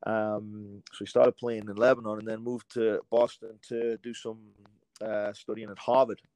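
Low-voiced English rugby coach, dry sound. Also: male voice, little pitch movement, moderate pace, darkish tone, clear, resonant tone, no room sound, rough recording. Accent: English with a slight American tinge. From England. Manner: rambling, with many fillers and restarts. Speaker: guest, rugby league coach. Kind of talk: relaxed storytelling interview answers.

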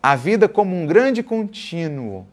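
A man's voice: sits high, big pitch swings, unhurried. A man giving an earnest religious lecture, reading a text aloud and explaining it line by line. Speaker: spiritist lecturer.

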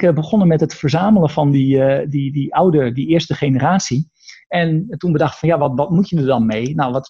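Man, gravelly, mellow, hesitant, lots of fillers, dull slightly muffled sound. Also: fairly high pitch. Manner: thoughtful, hesitant with many fillers and restarts. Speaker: guest, artist and robot researcher. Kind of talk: conversational interview.

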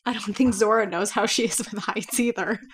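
A woman's voice: mid-range voice, a little fast, slight background noise. A woman playing a tabletop game, chatting and asking questions casually. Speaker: player.

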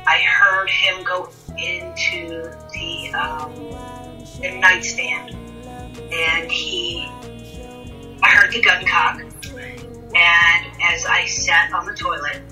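Bright distant-sounding woman telling her story. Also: lowish voice, level tone, faint music behind. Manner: halting, repeats words, intense. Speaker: guest. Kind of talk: personal storytelling in conversation.

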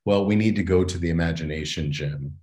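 A man's voice: sits low, a little fast, darkish tone. A man talking as an educator and consultant in an interview, earnest and reflective, often checking in with "right?". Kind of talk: interview conversation.

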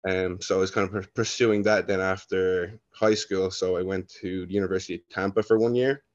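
Young Irish guy, low voice, relaxed chatty storyteller, on a dull dry line. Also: brisk, dry recording. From Ireland. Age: young adult. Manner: rambling, self-correcting, laid-back. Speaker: guest. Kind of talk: casual interview storytelling.

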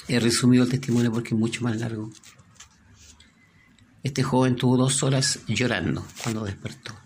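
A man preaches a sermon in a gravelly voice with some creak, sitting at a middle pitch. He tells the story and drops to a hushed voice at its moving moments. A faint hiss lies under the recording.

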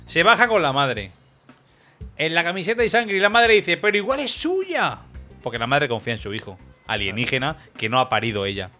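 A man's voice: medium pitch, brisk, soft background music. Laughing man retelling a film. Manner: animated storyteller, laughs often, acts out lines. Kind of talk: casual podcast chat retelling a film.

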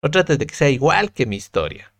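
A man speaking as a guest on a podcast, his voice gravelly with a low vocal fry. He talks earnestly and reflectively, leaning hard on his points as he works through his thoughts. The recording is dry and close, with no room sound. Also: very animated, brisk, fairly bright tone, no room sound. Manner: earnest, reflective, emphatic storytelling with restarts. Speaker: podcast guest, content creator. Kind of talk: casual podcast conversation.

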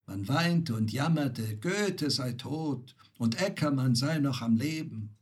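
Man reciting sardonic knight, tired, dry delivery, husky, unhurried. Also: medium pitch, expressive. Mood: wry. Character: weary, mocking male knight home from travels. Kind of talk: poetry reading.

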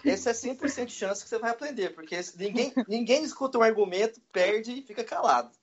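High voiced guy chatting, relaxed storyteller, dull lo-fi recording. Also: fast talker, husky. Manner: relaxed storytelling, laughs easily. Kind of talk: casual chat. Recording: dull lo-fi audio.

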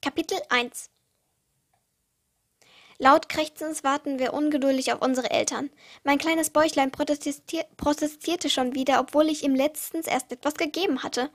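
High-voiced teen girl reading her stories. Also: fairly even intonation, moderate pace. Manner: reads with small slips and restarts, uneven pace. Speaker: podcast host reading her own stories. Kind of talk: reading self-written stories aloud.

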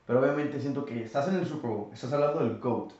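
A man's voice: medium pitch, fast talker, a little mellow, far from the mic. Blunt slangy Mexican man. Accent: Mexican Spanish. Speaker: podcast co-host. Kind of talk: casual debate. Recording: very echoey room, dull sound.

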